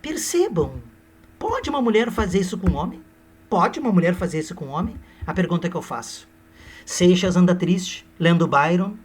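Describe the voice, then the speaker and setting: A man teaching literature by retelling a novel as a lively lecture, with humorous, playful asides to his listeners. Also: fairly high pitch.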